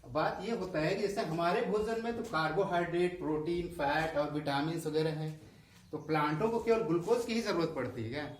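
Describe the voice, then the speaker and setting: A man's voice: on the high side, brisk. A male school science teacher with a Hindi accent, explaining a lesson and asking questions that he answers himself. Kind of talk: classroom lesson explaining diagrams. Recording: echoey room, voice a bit far from the mic.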